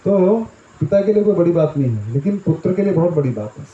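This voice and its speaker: A Gita teacher with a fairly high, sing-song voice speaks fast in a scripture discourse, using homely everyday examples and frequently asking "right?" to check in with listeners. The room is echoey and the sound dull and lo-fi.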